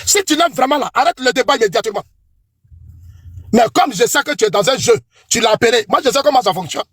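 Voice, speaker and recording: A middle-aged man with an Ivorian French accent hammers out a combative political rant, accusing and repeating himself for emphasis. His voice sits very high for a man and sounds husky. The sound is dry and close. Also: animated, fast talker, fairly bright tone, dry recording. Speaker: political commentator. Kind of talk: heated political tirade.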